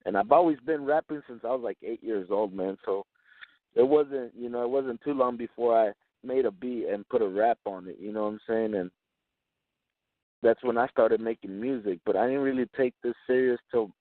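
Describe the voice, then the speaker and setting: Over phone-quality audio, a medium-pitched man talks at a moderate pace during an interview about his rapping. He's in his twenties, a native Spanish speaker born in Chihuahua, Mexico, and based in West Texas, and he talks a lot in casual, slangy English, leaning on "man" and "you know what I'm saying."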